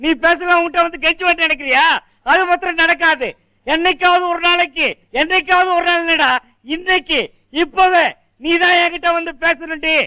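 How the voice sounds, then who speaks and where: A man's voice: high-pitched, normal speed, long pauses, fairly bright tone. An actor playing a proud, stubborn but tender-hearted old grandfather who scolds and pleads in everyday speech. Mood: defiant. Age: older. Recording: muffled film audio with music.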